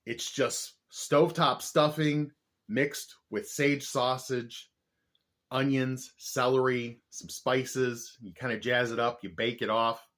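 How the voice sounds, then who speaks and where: A man's voice: mid-range voice, fairly even intonation, slow, fairly bright tone. A man chatting casually as the host of a snack review vlog, with a jokey, playfully exaggerating way of talking. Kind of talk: casual food review chat.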